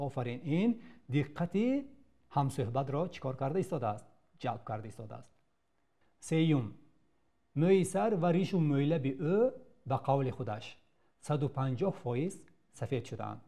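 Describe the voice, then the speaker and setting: Male Tajik teacher, mellow tone, patient classroom drill with praise. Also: mid-range voice. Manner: addresses students, praises answers. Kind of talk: classroom grammar lesson.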